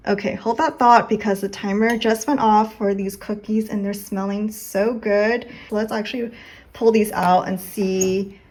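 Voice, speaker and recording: A young woman talks her viewers through a cozy day at home in an easy, chatty way. Her voice sits at a middle pitch and she slips in small laughs as she goes. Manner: relaxed and chatty, with light laughs. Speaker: vlogger. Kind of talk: casual vlog chat. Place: small apartment kitchen and home.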